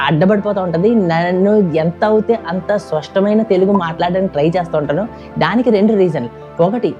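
Fast-talking young man vlogging. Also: high-pitched, mellow, highs cut off. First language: English. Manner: rapid, chatty, repeats and corrects himself. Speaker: travel vlogger. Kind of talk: casual vlog talk to camera.

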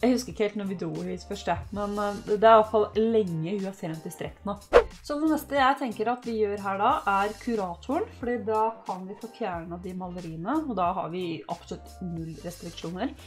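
A young woman from Norway chatting casually through a life-sim game, cheering her sim on loudly at times. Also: mid-range voice. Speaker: gaming YouTuber. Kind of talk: casual let's-play commentary. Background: faint game music.

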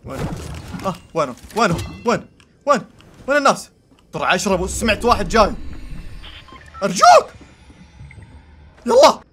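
Frantic high-voiced young man gaming. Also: big pitch swings, quick pace, pauses often, a bit bright, a little hiss or hum. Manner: frantic, yelping and pleading, laughing. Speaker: gaming YouTuber. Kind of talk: live gameplay commentary.

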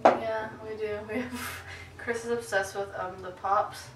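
A young woman co-hosting a casual vlog, loud and teasing, swearing and laughing a lot. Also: medium pitch, fairly even intonation, unhurried. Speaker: vlog co-host. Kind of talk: casual tipsy chat. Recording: echoey room, camera mic from a distance, noticeable noise.

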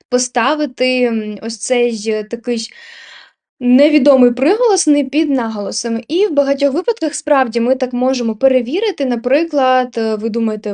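Higher-voiced woman teaching a lesson. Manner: explanatory, asks rhetorical questions and gives examples. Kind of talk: exam prep lesson.

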